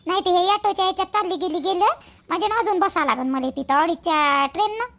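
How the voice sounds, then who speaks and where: A woman with a very high-pitched, fairly bright voice speaks quickly, playing a busy, talkative village mother in a cartoon. She rambles and repeats herself in colloquial Varhadi Marathi from Vidarbha, sounding chatty and practical in rural family dialogue.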